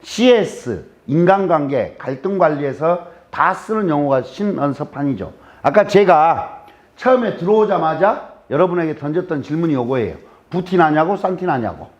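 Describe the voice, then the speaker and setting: A man with a Jeolla Korean accent giving a humorous lecture in a lecture room, teasing the audience and throwing rhetorical questions at them. His voice sits high and swings up and down in animated waves. The recording sounds dull and lo-fi. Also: normal speed. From Jeolla, South Korea. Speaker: guest lecturer.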